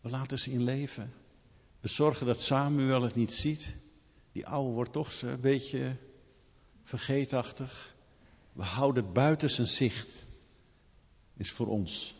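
A preacher putting on a sly king who brushes off blame and whispers schemes to his men. The voice is husky and lo-fi, with a long hall echo. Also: mid-range voice, animated, moderate pace, mellow. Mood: conspiratorial. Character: scheming self-excusing male king. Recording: long hall reverb, dull lo-fi sound.

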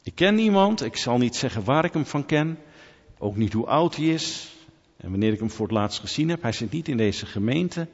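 Male preacher, lively delivery, muffled hall recording with long reverb. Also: medium pitch, normal speed. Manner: animated preaching, rising to near-shouts when quoting. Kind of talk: sermon. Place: church hall.

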